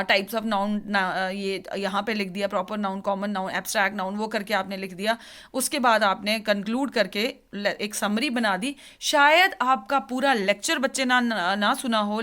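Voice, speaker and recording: A woman teacher educator giving a lecture on lesson planning, explaining step by step in a mix of Hindi and English with frequent pauses. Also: medium pitch, a bit bright. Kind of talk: classroom lecture.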